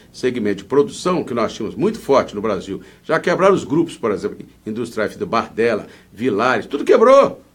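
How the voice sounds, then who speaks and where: A man's voice: medium pitch, slightly rough. A man with a Brazilian Portuguese accent speaking as a political candidate in an interview, in an indignant, emphatic, rambling way.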